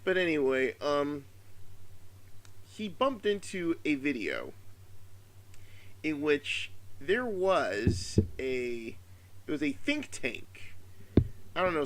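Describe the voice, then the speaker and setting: Man with sore throat, very animated pitch. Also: a little hiss or hum, low-quality recording. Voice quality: slightly subdued, sore-throated voice. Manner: profane, exasperated, halting with emphatic stresses. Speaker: solo video commentator. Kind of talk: casual opinion vlog, rambling commentary.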